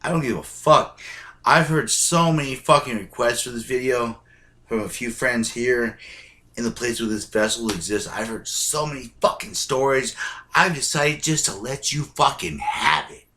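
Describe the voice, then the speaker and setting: A vlogger rants bluntly at his viewers, swearing a lot and driving his points home in emphatic bursts. His voice is medium-pitched and sharp in tone, at a moderate pace.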